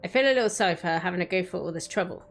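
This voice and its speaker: A woman's voice: fairly low pitch, lively intonation, racing, vocal fry. A woman streamer reading a story aloud in a dramatic narrating style. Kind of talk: dramatic story narration with casual chat asides. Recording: background music under the voice. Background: quiet music.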